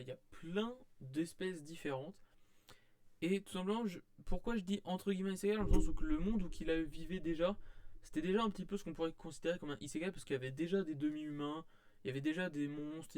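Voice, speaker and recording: A man's voice: on the high side, darkish tone, dry recording, studio quality. A man chatting casually through a manga review, rambling, with many fillers and restarts.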